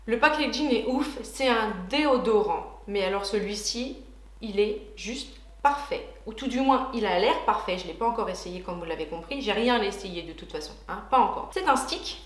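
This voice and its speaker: A woman's voice: mid-range voice, lively intonation, normal speed, echoey room. A woman beauty vlogger chatting casually and enthusiastically through a product unboxing, with frequent hesitations.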